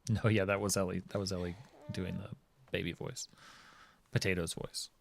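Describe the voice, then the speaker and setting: A man's voice: low voice, level tone, moderate pace, vocal fry, slight background noise. A man hosting a let's play, commenting casually on the game and reading out what he finds. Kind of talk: casual game commentary, reads notes aloud. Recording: faint game music behind.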